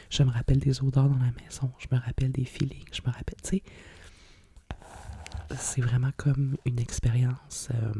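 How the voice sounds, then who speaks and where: A middle-aged woman with a Quebec French accent whispers softly and breathily in a nostalgic, rambling ASMR style, like a hushed library whisper. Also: rumbling low, slight background noise. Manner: hushed, nostalgic rambling with frequent conversational tags. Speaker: ASMR host. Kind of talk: whispered ASMR chat about vintage books.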